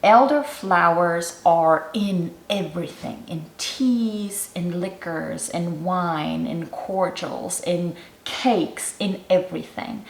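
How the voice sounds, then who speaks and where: Chatty woman from Germany, echoey room. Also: lowish voice. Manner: chatty and instructive, explaining step by step. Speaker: cooking channel host. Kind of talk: casual how-to vlog narration.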